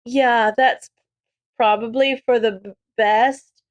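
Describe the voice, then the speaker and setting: A woman's voice: a little high, steady tone, no room sound. A woman voicing an anxious, guilt-ridden teenage boy who stammers and halts as he speaks. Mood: nervous guilt. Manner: stammering, halting.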